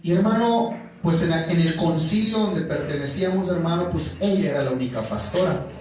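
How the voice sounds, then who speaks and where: A young man with a Mexican accent preaches in a storytelling way, calling out to his listeners as brothers as he goes. His voice sits a little high for a man. It rings out in a very echoey church room, picked up from some way off the mic. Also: fairly quick, far from the mic. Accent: Mexican Spanish. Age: young adult. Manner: storytelling, calls the congregation "hermano" constantly. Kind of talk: sermon. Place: church hall.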